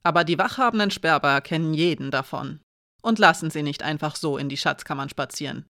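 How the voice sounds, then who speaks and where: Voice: mid-range voice, brisk, no room sound, studio quality. A narrator voicing a proud woman guard who speaks sharply and with menace, in an audiobook. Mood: stern. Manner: sharp, hard, threatening.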